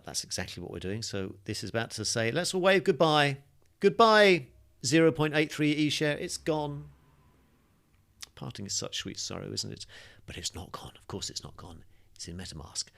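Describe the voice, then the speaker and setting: A man with a lowish, creaky, slightly bright voice teaches a crypto course, chatting upbeat through a screen-share tutorial with plenty of fillers. His voice sounds a little worn, as he is slightly losing it and coughing.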